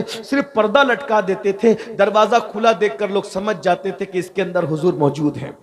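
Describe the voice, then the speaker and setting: High-voiced impassioned preacher. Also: male voice. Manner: repetitive, emphatic, addresses the audience. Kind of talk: impassioned sermon storytelling. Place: live religious gathering.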